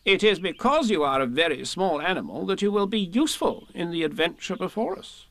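A man voicing a bossy, self-important male rabbit in a high, loud, commanding voice. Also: very animated, creaky, dry recording, full character voice. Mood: solemn. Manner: brisk, commanding.

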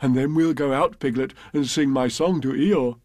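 A man voicing a cheerful, muddled male bear with a slow, earnest way of talking. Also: mid-range voice, darkish tone, no echo, clean studio sound, lightly acted.

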